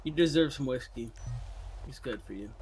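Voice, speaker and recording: A man's voice: medium pitch, lively intonation, moderate pace, darkish tone, soft background music. Pushy bantering young man. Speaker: fellow player. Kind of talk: casual game role-play over voice chat.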